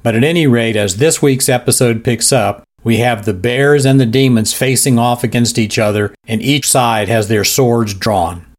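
A man hosting and narrating a rhyming audio drama in a measured storytelling voice. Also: mid-range voice. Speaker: narrator and host.

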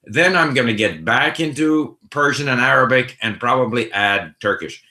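Here a language-learning host, a middle-aged man, fields viewer questions in a relaxed live session. His mid-range voice sounds pushed and bright, and his thoughtful chat is full of fillers and false starts, all captured with a roomy echo.

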